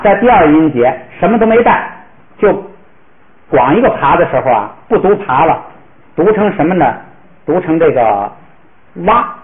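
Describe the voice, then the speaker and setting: A man teaching a classroom pronunciation lesson, patiently modeling words slowly for the class to repeat. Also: a little high. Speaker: language teacher. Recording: echoey room, tinny phone-like sound.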